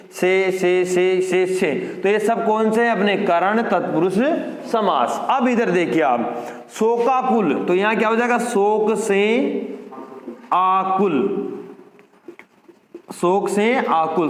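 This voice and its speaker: A man teaching a grammar lesson to exam students, repeating key words and quizzing his class. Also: sits high. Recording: echoey room with long reverb.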